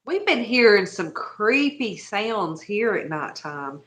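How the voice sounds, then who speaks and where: A woman's voice: mid-range voice, sing-song, takes it slowly, a bit bright. A woman guest chatting casually, searching for words and laughing often. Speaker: guest, small business owner. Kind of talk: casual chat.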